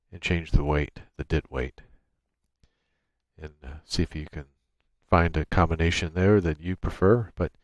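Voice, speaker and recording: A deep-voiced man gives an informal software tutorial, explaining every step as he works. He speaks into a USB microphone run through a noise gate, and the recording is dry with little room sound.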